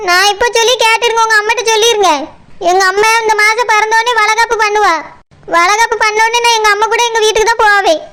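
Woman voicing a shrill, upset village wife. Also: fairly even intonation, fast, sharp tone. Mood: aggrieved. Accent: Tirunelveli Tamil. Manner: complaining, insistent. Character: upset pregnant young village wife, stubborn. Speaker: cartoon wife character. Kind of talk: cartoon comedy dialogue.

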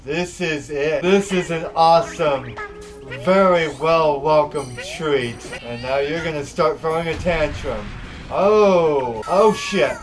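Excitable, swearing young man gaming. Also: a little high, a little slow, music in the background. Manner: excitable and profane, swearing often; emotional and gushing. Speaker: gameplay commentator. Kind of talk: let's play commentary.

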